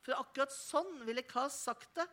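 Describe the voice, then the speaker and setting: A woman reading a children's book aloud in an expressive, playful storytelling manner. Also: sits high. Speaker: reader.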